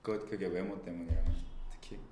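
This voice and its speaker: A man's voice: low voice, fairly even intonation, a little fast, dark tone, reverberant, slight background noise. A young man co-hosting a casual radio chat, laid-back and joking, telling stories from everyday life. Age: young adult. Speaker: radio co-host.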